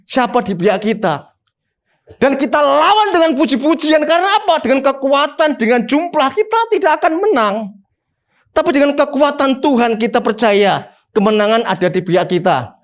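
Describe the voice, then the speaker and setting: A man, a pastor preaching a sermon in an animated way, with sudden high emphatic bursts. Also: moderate pace.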